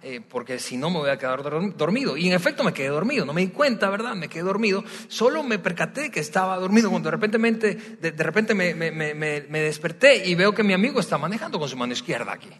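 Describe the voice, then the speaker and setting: A man from Venezuela, preaching a sermon in a relaxed, storytelling way, often pausing with hesitations. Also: high voice. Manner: warm, conversational storytelling with frequent hesitations. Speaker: pastor. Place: large church hall. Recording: long hall reverb from a large church.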